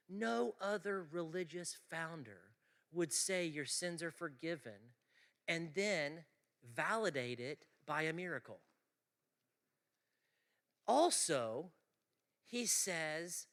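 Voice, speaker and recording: A man preaching an animated lecture to students, emphatic, swinging from loud exclaiming to quiet asides. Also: fairly high pitch.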